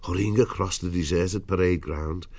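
A man's voice: low-pitched, steady tone, moderate pace, a little mellow, slightly rough, lo-fi sound. A man narrating an adventure audiobook in a dramatic scripted storytelling style.

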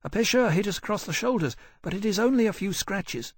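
Man voicing anxious young officer, urgent pleading, raised pitch, dry sound. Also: lively intonation, a little fast, no room sound. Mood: insistent.

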